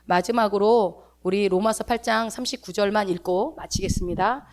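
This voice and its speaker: A woman pastor giving a sermon in a church, talking in a chatty, animated way with homely asides. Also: medium pitch, moderate pace.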